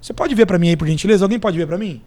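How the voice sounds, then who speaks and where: A man's voice: high voice, very fast, mellow, no room sound. A Brazilian man, a podcast guest, chatting casually and telling anecdotes and parables with acted-out quotes. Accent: Brazilian Portuguese. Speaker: podcast guest, entrepreneur and mentor.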